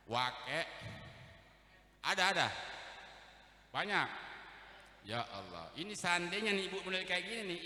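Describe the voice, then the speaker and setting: Bright-voiced man preaching in an echoey hall. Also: a little high. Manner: teasing, chatty, quizzes the audience. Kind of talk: humorous sermon.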